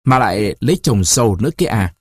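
A man's voice: on the low side, animated, brisk, breathy edge, dry recording. Man playing a stern old village scholar father, curt and scolding, storybook.

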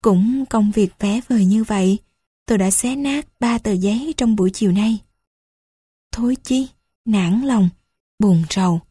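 A woman narrating a first-person story aloud in an unhurried, gentle reading. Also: medium pitch, breathy edge, dry recording, studio quality. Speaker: audiobook narrator.

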